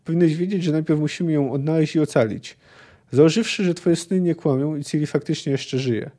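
Brief: weary, guarded male monster hunter, read plainly by a podcaster, slightly high, mellow voice. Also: brisk, close to an everyday voice. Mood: dry.

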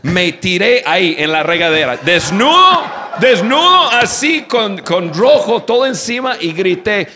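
A man telling funny personal stories in a talk to an audience, acting out shouts and laughing as he goes. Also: high voice, a little slow, few pauses, noisy background. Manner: animated storyteller, acts out shouts and laughs. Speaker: speaker on communication.

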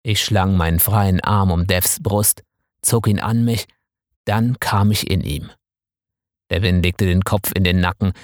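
A man calmly reading a first-person story aloud in measured scripted narration. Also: lowish voice, no room sound, studio quality. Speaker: audiobook narrator.

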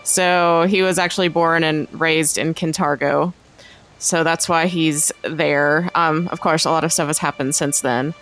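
Woman, podcast regular, lowish voice, relaxed explainer, faint music under. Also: measured pace. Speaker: podcast co-host and player. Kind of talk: casual podcast chat.

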